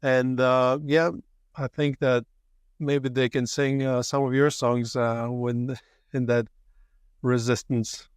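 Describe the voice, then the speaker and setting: A man from Latvia hosts a podcast interview, chatting in a relaxed, casual way with many fillers. His voice is smooth and fairly flat in pitch. It is recorded close and dry. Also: slow pace, no room sound. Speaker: podcast host.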